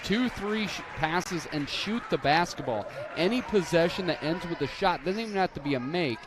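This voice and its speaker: A man's voice: a little high, animated, moderate pace. A man giving color commentary on a basketball game, explaining strategy in an analytical, coaching way. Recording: broadcast with loud gym noise behind.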